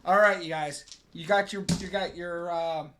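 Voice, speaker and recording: A man speaking informally as game master, narrating a tabletop game in a halting, excitable way. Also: sits high, noisy background.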